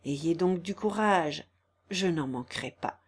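A woman reading the part of a proud, gentle, resolute young woman in an audiobook, earnest and persuasive. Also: lowish voice, a little slow, slightly rough, voice pushed down. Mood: encouraging.

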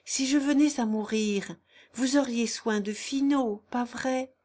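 A woman's voice: a little high, takes it slowly, pitched above the performer's own voice. A woman voicing a dying, devout peasant girl. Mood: tender. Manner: soft, rustic country speech.

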